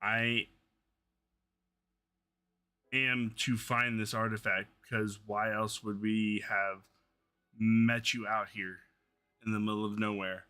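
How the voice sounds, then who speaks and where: A man playing his character in a tabletop game, deliberate and searching for his words. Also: lowish voice, flat delivery, sharp tone, smooth. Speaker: player. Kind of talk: in-character tabletop role-play.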